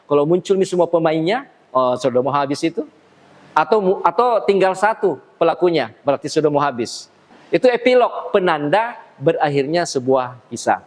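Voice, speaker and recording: Male lecturer, fairly high voice, asks and answers his own questions, long hall reverb. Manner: explains with rhetorical questions and acts out sample dialogue. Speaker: university lecturer. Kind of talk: classroom lecture.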